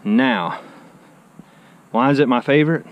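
Walking around an outdoor driveway beside a garage, a car channel host chats enthusiastically for his casual vlog, frequently saying "I mean." His medium-pitched voice is animated and measured, captured muffled on a handheld action camera with faint outdoor ambience behind him.

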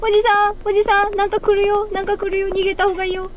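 Kagoshima accent girl streamer chatting thru a horror game, repeats words nervously, really high voice, noisy audio. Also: little pitch movement, racing. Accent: Kagoshima, Japan. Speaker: streamer, video game player. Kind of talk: casual horror game live-stream commentary.

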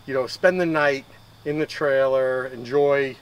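This middle-aged man speaks at a measured pace in a clear, resonant mid-range voice with fairly even intonation, though the recording is rough. He's the owner of a trailer, enthusiastically demonstrating its gear to a handheld camera at an outdoor campground, restarting frequently in this casual show-and-tell interview.

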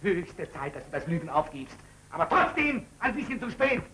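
A jealous young suitor in a 1939 film drama. He speaks in a sharp, sarcastic, accusing way, bitter at being deceived. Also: high-pitched, big pitch swings, normal speed, noisy background.

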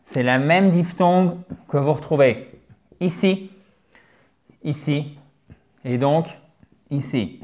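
A man teaching English pronunciation at a board. He talks lively, calls his viewers dear friends, and slowly repeats English words to model each sound. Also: on the high side. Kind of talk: explaining a lesson at a board.

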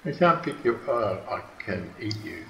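A man's voice: on the low side, sing-song, normal speed, echoey room, a little hiss or hum, low-quality recording. A man giving casual gameplay commentary, muttering and grumbling dryly to himself.

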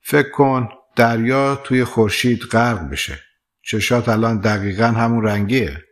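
A man's voice: medium pitch, lightly acted. A man voicing an earnest young foreign man who is jealous and tender, speaking plaintively in an audiobook.

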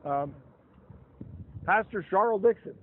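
A man's voice: high voice, animated, unhurried. An older man leading an outdoor history walking tour, chatty and given to asides, reading from his notes by a roadside. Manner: chatty, asides and restarts while reading from papers. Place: roadside sidewalk outdoors beside traffic. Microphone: camera held close in the crowd. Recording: tinny phone-like outdoor audio.

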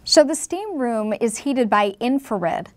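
A woman's voice: a little high, animated, slow, darkish tone. Woman co-host narrating a health feature. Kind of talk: scripted voice-over narration.

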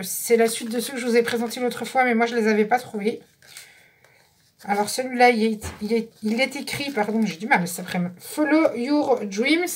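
A woman who vlogs about scrapbooking chats casually through a haul of craft supplies, describing each item in turn and correcting herself along the way. Her voice is fairly high, with a slight hiss or hum in the recording.

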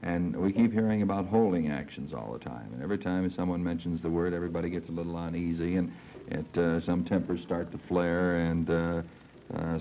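Young male host, deep, hesitant questioner; dull 1960s studio film sound, light hiss. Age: young adult. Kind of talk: TV panel discussion. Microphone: desk microphone.

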